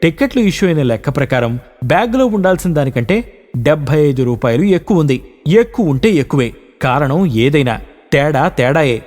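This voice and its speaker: Strict official inspector guy, curt and by the book, bit higher voice, man reading it. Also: animated, moderate pace, darkish tone, big-room sound, soft background music, lightly acted. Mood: stern. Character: stern male ticket-inspection officer, by-the-rules.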